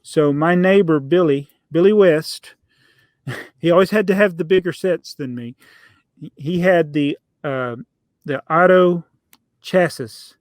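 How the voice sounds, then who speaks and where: A man's voice: fairly high pitch, unhurried, no echo. A middle-aged man hosting a podcast, telling rambling stories in a casual chat and laughing often. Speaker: podcast host.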